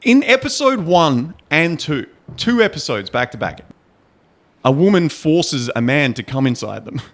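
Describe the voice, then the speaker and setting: A man's voice: fairly high pitch, measured pace. A man co-hosting a podcast, chatting casually and retelling a show scene with laughs and swearing. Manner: animated, swearing, laughing storyteller. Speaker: podcast co-host. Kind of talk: casual chat.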